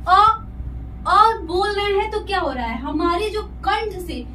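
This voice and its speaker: Very high-voiced woman teacher in an echoey room. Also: lively intonation, unhurried, pushed and bright. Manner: explains patiently, asks rhetorical questions and answers them. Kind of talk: classroom lesson explaining step by step. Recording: echoey room, voice from a distance, faint noise.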